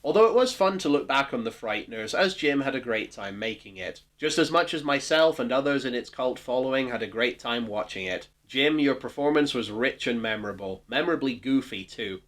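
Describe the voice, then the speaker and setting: A man hosting an interview, eager and chatty, laughing often and filling pauses as he talks over a video call. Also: mid-range voice, expressive, a bit bright. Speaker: host. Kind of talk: friendly narration and casual video call.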